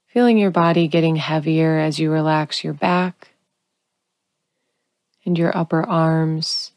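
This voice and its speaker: A woman guiding a sleep meditation in a calm, soothing, unhurried sleep-story narrator manner, leaving long pauses. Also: low voice, no room sound, clean studio sound. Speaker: guided relaxation narrator.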